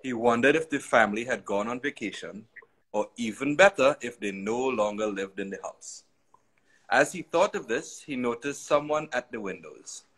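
A man narrating a children's story aloud in an expressive, sing-song way. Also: mid-range voice, moderate pace, breathy edge, rough recording.

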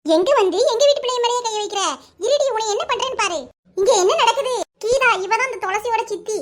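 A woman with a Kanyakumari Tamil accent voicing a fierce, protective village woman who scolds loudly. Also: very high-pitched, fairly quick, background noise. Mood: scolding. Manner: loud scolding, threatening.

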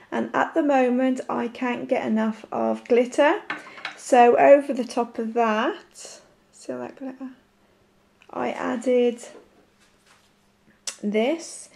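A woman with a croaky voice from a sore throat, chatting casually and haltingly to camera as a nail art vlogger. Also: fairly high pitch, darkish tone.

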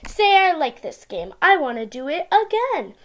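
A woman voicing a cheeky, playful male firefly, excitable and boastful, reading a storybook aloud to young children. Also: very high-pitched, moderate pace, voice pushed up, full character voice. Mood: excited.

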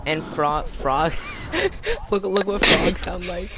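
A man streaming a party game with friends, joking around and laughing often in loose, excitable banter. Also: high voice, slow pace, a crowd in the background, low-quality recording. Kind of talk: casual gaming banter. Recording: loud background noise.

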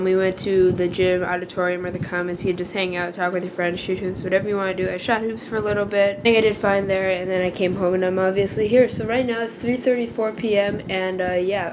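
Flat, mellow young vlogger, rambling. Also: female voice, fairly low pitch, slight background noise. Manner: rambling, loose, lots of fillers and restarts. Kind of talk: casual daily vlog. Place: at home, indoors.

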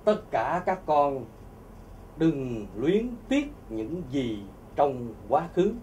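A man playing a solemn male deity, slow grave speech, commanding, dark tone, faint background hiss. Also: on the high side, very animated, far from the mic, exaggerated voice.

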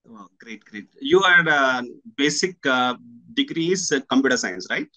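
Halting Indian-accented man interviewing. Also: mid-range voice, animated, sharp tone. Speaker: interviewer, senior faculty at a coaching academy. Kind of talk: video-call interview. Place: small room indoors with curtains.

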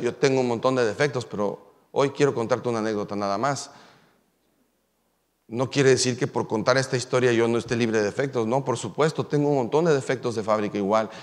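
Pastor preaching in an echoing hall. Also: male voice, mid-range voice. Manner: storytelling, rising to emphatic preaching. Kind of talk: sermon. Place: church sanctuary. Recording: long hall reverb.

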